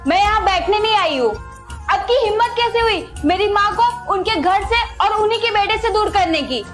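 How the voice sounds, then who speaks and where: A woman's voice: very high-pitched, normal speed, faint music behind. A woman playing a hot-tempered married daughter in a family skit, scolding indignantly. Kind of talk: amateur family skit acting.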